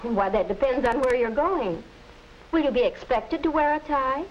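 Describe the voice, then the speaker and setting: High-voiced actress as 1950s mother. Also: normal speed, lightly acted, poor audio. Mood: attentive. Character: attentive mother in a 1950s household. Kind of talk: 1950s educational film acting. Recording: hissy old 1950s film soundtrack.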